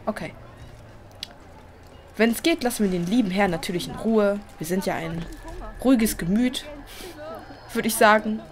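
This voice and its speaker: A young woman hosting a let's play, chatty and excitable, often pleading and squealing at the game. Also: mid-range voice, unhurried, pauses often. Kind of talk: gameplay commentary. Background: game music.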